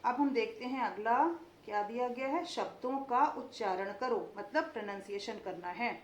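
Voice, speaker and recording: A woman teaching children Hindi vowel signs, breaking words into syllables slowly and clearly. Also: on the high side. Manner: slow, syllable-by-syllable pronunciation for children. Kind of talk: children's phonics lesson. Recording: echoey room with faint ambient noise.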